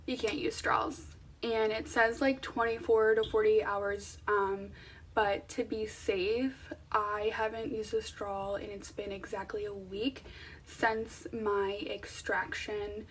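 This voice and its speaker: A woman's voice: mid-range voice, flat delivery, slow, slightly rough, distant mic, poor audio. A young woman talking casually to viewers in an informal, conversational vlog style. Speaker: vlogger. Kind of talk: casual chatty vlog to camera.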